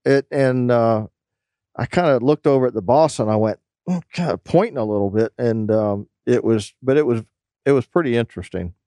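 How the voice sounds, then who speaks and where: Casting: middle-aged male host, smooth clear voice, dry close mic, easygoing anecdotes. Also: mid-range voice, normal speed, warm tone, no echo. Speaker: podcast host. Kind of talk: casual interview.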